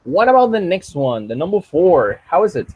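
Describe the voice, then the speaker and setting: Man, husky voice, patient teacher, jokey asides, computer mic. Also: a little high, big pitch swings, unhurried, no room sound, lo-fi sound. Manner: patient, joking asides, switches between English and Spanish. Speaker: English teacher. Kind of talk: online class, bilingual teaching. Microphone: computer mic on a video call.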